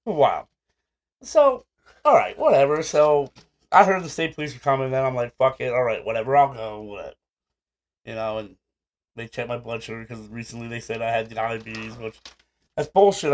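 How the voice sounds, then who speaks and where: A man co-hosting a casual podcast, telling a story in a blunt, profane, rambling way. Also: mid-range voice. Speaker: podcast co-host.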